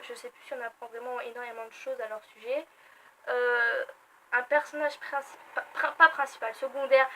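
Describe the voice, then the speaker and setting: Bright high-voiced chatty young woman. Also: a little hiss or hum, poor audio. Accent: French. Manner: chatty, animated, self-mocking asides. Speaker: book vlogger. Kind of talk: casual book review vlog.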